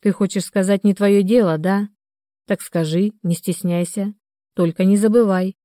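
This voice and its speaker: A woman's voice: mid-range voice, fairly even intonation, normal speed, dark tone, no room sound, clean studio sound, natural voice. A woman reading the part of a retired mother in her sixties, anxious and reproachful, in an audiobook.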